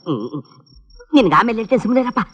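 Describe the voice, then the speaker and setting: A man's voice: high-pitched, sing-song, fast talker, fairly bright tone, husky, long reverb tail, faint music behind, full character voice. An actor playing a scheming, bumbling man who kidnaps a child, fussy and stammering in a film comedy. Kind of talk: 1990s film comedy acting.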